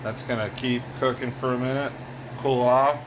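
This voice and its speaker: A man with a medium-pitched, level voice at normal speed talks through his home cooking for a vlog. Indoors in the kitchen, his casual ramble is giggly and tipsy, and the AC hums clearly behind him.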